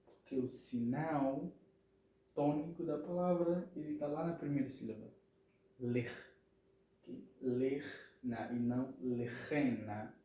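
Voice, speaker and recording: A man's voice: a little high, unhurried, pauses often, warm tone. A man teaching grammar patiently, repeating words and often checking that listeners follow. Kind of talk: explanatory lesson. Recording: very echoey room, mic at a distance.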